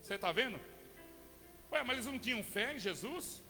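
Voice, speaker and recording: A middle-aged Brazilian man preaching a sermon in church. He talks conversationally, asks the congregation questions and builds to fervent shouting. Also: very high voice, expressive, normal speed. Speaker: pastor. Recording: long church hall reverb with faint music.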